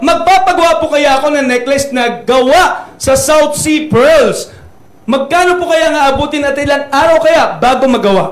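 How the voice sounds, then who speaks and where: A woman co-hosting a live business show, reading viewer comments aloud with frequent laughter and occasional shouts. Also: sits high. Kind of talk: lively live-stream chat. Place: studio. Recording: roomy studio echo.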